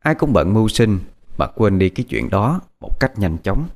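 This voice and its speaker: Low-voiced man narrating a ghost story. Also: very animated, normal speed, darkish tone, faint music behind. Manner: dramatic storytelling.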